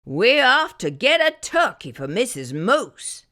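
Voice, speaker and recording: A woman putting on voices for the animal characters of a read-aloud picture book, slow and exaggerated. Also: fairly high pitch, big pitch swings, sharp tone, voice pushed up, heavily acted. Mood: cheerful. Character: mixed animal characters, moose, rabbit, goats, sheep.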